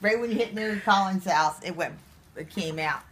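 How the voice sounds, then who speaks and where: A woman's voice: mid-range voice, normal speed, fairly bright tone. A woman bantering casually with family in a living room, telling stories in coarse, profane language. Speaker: daughter at home. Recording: faintly noisy handheld home recording.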